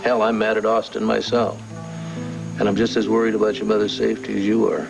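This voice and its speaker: A man's voice: on the low side, flat delivery, brisk, vocal fry, poor audio. An actor playing a protective father who talks firmly and earnestly to his son in a soap opera. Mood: reassuring. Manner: reassuring, firm, earnest. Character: protective middle-aged father, steady and resolute. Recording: old TV soap with loud music score.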